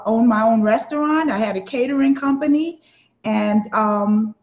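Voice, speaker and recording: A woman's voice: on the high side, echoey room, muffled recording. A woman chef instructor from Barbados with a Barbadian and Brooklyn accent, introducing herself to an online class in an upbeat, encouraging way.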